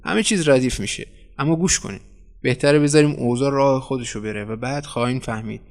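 A man's voice: mid-range voice, gravelly, natural voice. Casting: suave, persuasive male newspaper boss, read by the narrator. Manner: cool, persuasive, flattering. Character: smooth, scheming middle-aged male newspaper editor.

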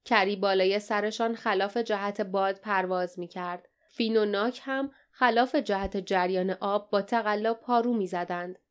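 Smooth-voiced woman reading an audiobook. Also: medium pitch. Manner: steady, measured storytelling. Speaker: audiobook narrator. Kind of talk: scripted narration.

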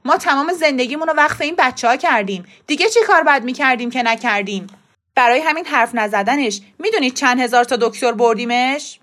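A woman's voice: high voice, fairly bright tone. A woman reading a story aloud, voicing an indignant middle-aged husband who gets heated and defensive. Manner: heated, defensive, raising his voice.

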